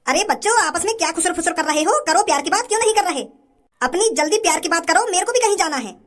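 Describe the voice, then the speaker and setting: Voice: very high-pitched, animated, quick pace, fairly bright tone. A performer voicing a short-tempered village father in a cartoon, mocking and bossy, with a threatening streak. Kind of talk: cartoon voice acting.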